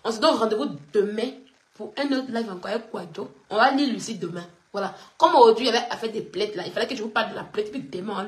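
A woman chatting on a live stream, emphatic and teasing, often laughing. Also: a little high. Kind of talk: casual live-stream chat.

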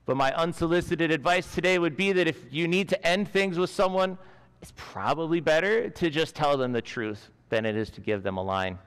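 A man in his forties preaches a sermon from a lectern on a school chapel stage, earnestly telling stories and gesturing with both hands. His voice is on the high side, fairly bright, clear, and resonant, carried by the long reverb of a large chapel.

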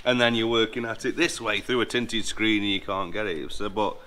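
In a large indoor aircraft hangar, a maintenance engineer in his forties gives a casual, hands-on walkthrough of a job, often restarting what he's saying. His lowish voice is steady yet bright and forceful, and he speaks fairly quickly.

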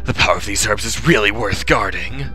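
A man voicing an eager, easily flustered young student adventurer from a video game, in an expressive, dramatic and casual way. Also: on the low side, brisk, slightly rough, soft background music. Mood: sheepish, casual. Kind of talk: acted video game dialogue reading.

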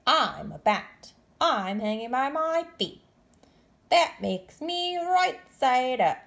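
A blunt, self-assured bat from a storybook, voiced by a woman. The voice is raised and emphatic, very deliberate, stretching words slowly with lively pitch. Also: gravelly, heavily acted. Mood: matter-of-fact. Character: blunt, sure-of-itself bat correcting a youngster.

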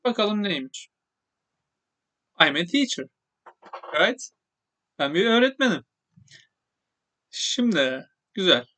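A man teaching English in a casual online lesson, speaking Turkish and slowly repeating English phrases. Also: sits high, big pitch swings, pushed and bright.

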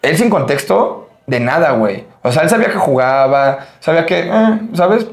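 A young man with a Mexican accent, a podcast guest telling a story in a casual, lively way, full of filler tags. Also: on the high side, normal speed, creaky, roomy sound. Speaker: podcast guest, American football player.

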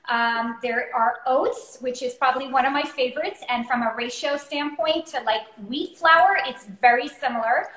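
A woman's voice: high voice, normal speed, few pauses, fairly bright tone. A woman in her thirties co-hosting a cooking show over a video call from her home kitchen, chatty and explanatory with many fillers. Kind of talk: casual cooking chat. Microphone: video call, laptop or phone camera. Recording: roomy echoey kitchen.

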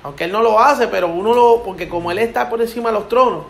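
Animated high-voiced man preaching. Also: fast talker, gravelly. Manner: animated storyteller, preachy, acts out quotes. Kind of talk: casual faith testimony chat. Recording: echoey room with background noise.

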